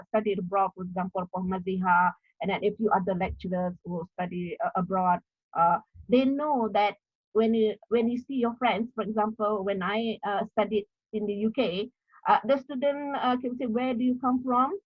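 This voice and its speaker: A middle-aged Malaysian university lecturer with a Malaysian English accent gives an academic talk on writing articles, explaining things repetitively with many fillers. Her voice is mid-range and moderately paced, and the lo-fi recording has no room sound.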